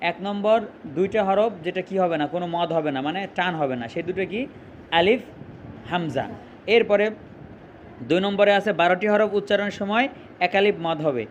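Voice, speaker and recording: A man with a high voice leads a Quran reading class, slowly drawing out each letter. He keeps asking his listeners questions and then answers them himself, over faint background noise. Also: lo-fi sound. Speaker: Quran teacher. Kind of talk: online Quran lesson.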